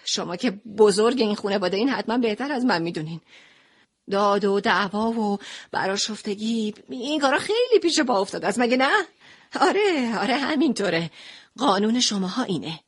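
Expressive woman narrating a dramatic story. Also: medium pitch, husky. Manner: expressive, moving between quiet narration and impassioned outbursts. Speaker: first-person narrator of an audio story.

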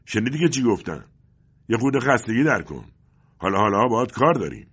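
A man voicing an angry curly-haired secret police thug who mocks and shouts. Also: extremely low pitch, lively intonation, slightly rough, lo-fi sound, heavily acted. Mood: shouting mockery. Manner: mocking, shouting, menacing.

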